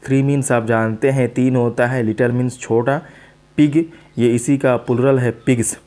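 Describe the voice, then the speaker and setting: A man teaching English vocabulary to students, reading a story line by line and explaining each word slowly and with repetition. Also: medium pitch, level tone, mellow. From South Asia. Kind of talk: teaching English to Hindi speakers.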